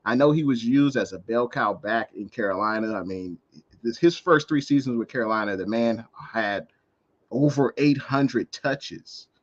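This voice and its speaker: A man's voice: medium pitch, normal speed, dull audio. An American man hosting a live sports call-in show, explaining and commenting in a casual, conversational way.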